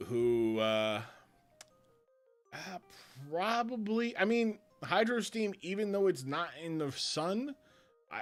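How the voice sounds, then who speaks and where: A man hosting a live stream, commentating matches in a rambling, excitable way and laughing often. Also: a little high. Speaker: league commissioner and host.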